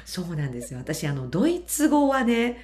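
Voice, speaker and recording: Low-voiced woman host, easy chatty interviewer who fills with asides. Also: very animated, normal speed, a little mellow. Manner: chatty, many fillers and asides. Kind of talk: casual interview chat.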